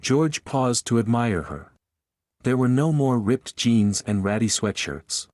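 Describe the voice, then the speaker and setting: A man narrating an audiobook romance in a steady storytelling delivery. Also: mid-range voice, takes it slowly, no echo, clean studio sound. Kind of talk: scripted narration.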